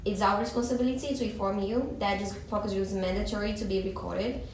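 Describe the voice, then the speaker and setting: A woman's voice: medium pitch, steady tone, fast talker. A young woman, a student, moderating a focus group with frequent ums and a reassuring manner. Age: young adult. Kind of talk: hesitant spoken moderation. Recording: echoey room from far off, background noise.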